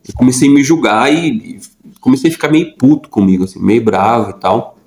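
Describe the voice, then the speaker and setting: A man's voice: medium pitch, brisk, a little mellow, echoey room, rough recording. A young adult man telling a personal story in a casual, rambling way, with lots of fillers and repeated words. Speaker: vlogger.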